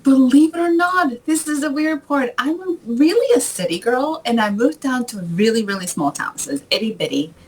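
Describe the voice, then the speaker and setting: A woman in her forties from the Dominican Republic, a lively author guest chatting on a video call and often laughing as she tells stories. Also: high-pitched, moderate pace, hardly any pauses, slightly rough, low-quality recording. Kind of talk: casual interview chat.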